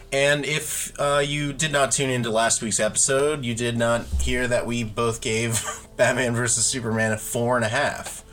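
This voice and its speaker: A man's voice: on the low side, fairly bright tone. A man co-hosting a podcast, chatting casually and jokingly with many filler ums. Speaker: podcast co-host.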